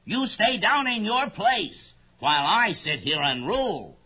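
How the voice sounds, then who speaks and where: A man's voice: high-pitched, sing-song, slow, slightly rough, muffled recording, full character voice. A man playing a pompous, boastful turtle king in a children's story, grandiose, bellowing and imperious. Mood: angry, domineering. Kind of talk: theatrical children's story acting.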